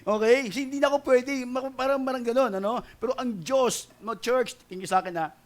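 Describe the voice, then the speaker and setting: A male pastor preaching a sermon, mixing Tagalog with English and often asking the congregation "right?" as he swings between loud and soft delivery. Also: very high-pitched, brisk. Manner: mixes Tagalog and English, keeps asking the crowd "di ba?" and "tama?".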